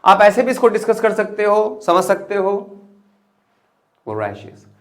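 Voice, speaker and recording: Lively Indian teacher with a higher voice. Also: male voice, slow. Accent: Indian English. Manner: lively, swings between high emphatic and low murmured asides. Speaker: English teacher. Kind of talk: vocabulary lesson with memory tricks.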